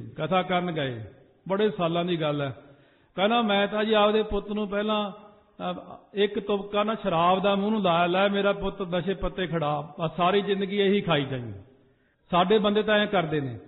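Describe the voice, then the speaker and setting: A man preaching a Sikh sermon to a congregation, slipping into sung phrases and rising to urgent emphasis. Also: high voice. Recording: echoey hall over a tinny phone-like line.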